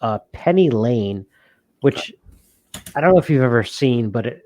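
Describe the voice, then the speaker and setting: A man's voice: mid-range voice, expressive, unhurried, mellow. A man co-hosting a casual board game podcast, rambling with many fillers and frequent laughs. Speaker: podcast co-host. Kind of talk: casual chat.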